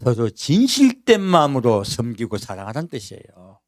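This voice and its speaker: A pastor preaches to his church congregation in a conversational way, firing off many rhetorical questions and acting out everyday quotes in character voices. His mid-range voice swings hugely in pitch at a moderate pace, captured in a dry, studio-quality recording.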